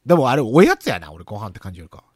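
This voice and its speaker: Man radio host, teasing banter, lively swooping pitch, dry studio sound. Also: very fast, husky, no room sound. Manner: playful, teasing, laughs often. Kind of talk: casual radio chat.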